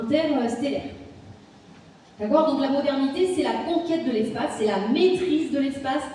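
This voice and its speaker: High-voiced woman lecturing in an echoey hall. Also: warm tone, recorded from a distance, a little hiss or hum. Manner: explanatory, often checks with "d'accord?". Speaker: university lecturer giving a talk. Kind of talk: public lecture. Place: meeting hall.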